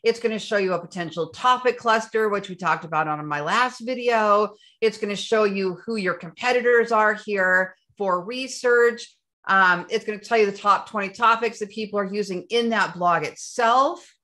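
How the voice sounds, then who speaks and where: A woman teaching SEO in a screen-share tutorial, talking enthusiastically and running short of breath from excitement. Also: mid-range voice, normal speed. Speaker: SEO instructor.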